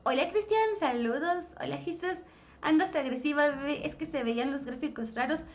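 A young Mexican woman livestreaming a game, chatting with viewers and reacting excitedly. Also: sits high, normal speed. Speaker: livestream gamer. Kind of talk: live game stream chat. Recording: loud game noise behind.

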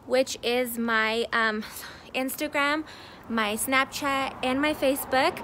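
A young woman vlogging in a chatty, upbeat way to her viewers, dropping in Spanish words, recorded at an airport and on a plane. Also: high voice. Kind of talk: casual vlog talk to camera. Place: airport and airplane cabin. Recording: loud background noise.

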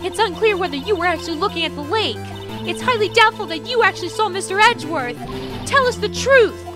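Teenage girl sidekick, a woman voicing her, very high voice, shrill, insistent, game music behind. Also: animated, fairly quick. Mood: indignant. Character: spunky teenage girl spirit-medium sidekick, loyal.

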